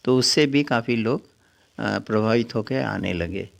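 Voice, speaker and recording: An older man from the Varanasi region with a gravelly voice, telling his story in an unhurried way. He pauses often as he recalls the past, speaking as a guest house owner in an interview. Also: fairly low pitch. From Varanasi region, India. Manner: unhurried reminiscing with frequent pauses.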